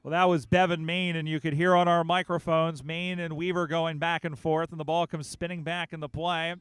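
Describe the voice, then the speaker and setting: Man, sports commentator, live play-by-play, slightly high voice, close dry mic. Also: clear, resonant tone, no room sound. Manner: rapid play-by-play, rising excitement on big plays. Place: outdoor sports field.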